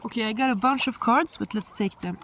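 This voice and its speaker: A woman's voice: on the high side, a little fast, fairly bright tone. Woman musing over tarot, water noise behind. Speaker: tarot reader and host. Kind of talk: casual spoken tarot reading. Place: outdoors beside water. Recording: outdoor recording with water noise. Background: sound of moving water.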